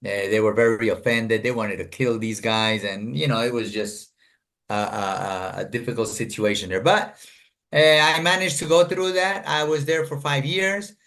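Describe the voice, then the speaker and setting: Over a video call, a middle-aged Colombian man speaks as a guest recounting his life story, earnest and meandering, with lots of fillers and false starts. His voice is medium in pitch, fairly bright, and steady, at a normal speed.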